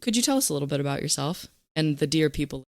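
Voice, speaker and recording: A woman's voice: low voice, expressive, fast, darkish tone. A young woman co-hosting a podcast, bubbly and giggly in casual chat. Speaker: podcast co-host.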